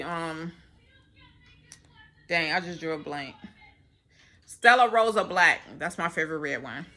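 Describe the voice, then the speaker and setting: Bright-voiced chatty woman vlogger. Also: medium pitch. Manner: chatty, laughs often, rambling. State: slightly winded. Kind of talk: casual chat.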